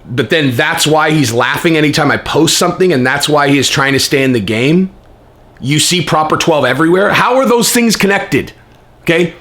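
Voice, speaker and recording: A man hosting a fight commentary channel, ranting in a casual, profane, animated way with incredulous rhetorical questions. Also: a little high, a little fast. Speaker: host of an MMA commentary channel.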